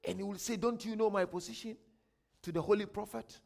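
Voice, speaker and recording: Ghanaian man giving a gravelly, high-pitched sermon. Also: steady tone. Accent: Ghanaian English. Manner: emphatic, swings from loud declaiming to quiet asides; reads quotations slowly and grandly. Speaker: sheikh giving a workshop lecture. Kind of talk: religious lecture.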